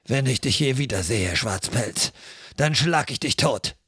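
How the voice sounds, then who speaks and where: A man's voice: medium pitch, expressive, measured pace, fairly bright tone, breathy edge, dry recording, studio quality, pitched below the performer's own voice, heavily acted. A man voicing a blunt, short-tempered veteran warrior who growls his threats. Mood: menacing.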